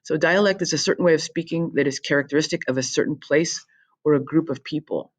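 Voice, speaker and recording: A woman teacher talking through a recorded lesson for her students in a chatty, jokey way, explaining with quick asides. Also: low-pitched.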